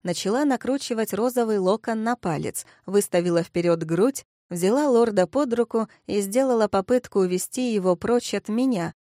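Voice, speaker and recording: A young woman narrating a first-person audiobook in a lively, self-mocking inner-monologue manner, on a close studio mic. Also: mid-range voice, normal speed, hardly any pauses, dry recording.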